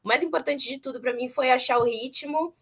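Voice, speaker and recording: A woman's voice: sits high, fairly quick, fairly bright tone, breathy edge. A young woman chatting earnestly as an interviewee, repeating words for emphasis. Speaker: former student interviewee. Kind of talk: casual interview chat.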